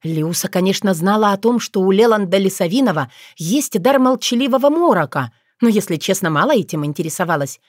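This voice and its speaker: Woman narrator, expressive audiobook read, mid pitch, dry booth sound. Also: fairly quick, hardly any pauses, no room sound.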